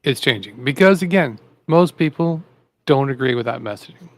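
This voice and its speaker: A man's voice: mid-range voice, expressive, moderate pace, no room sound. Rambling male co-host, politics chat. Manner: rambling, repeats himself, fired up. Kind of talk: casual political commentary.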